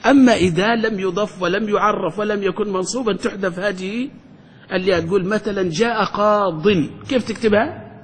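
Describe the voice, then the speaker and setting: High-voiced man teaching grammar in a hall. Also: steady tone, slightly rough. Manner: quizzes the class with repeated questions, drawn-out example phrases. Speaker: sheikh teaching Arabic grammar. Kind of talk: classroom grammar lesson. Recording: reverberant hall with faint rumble.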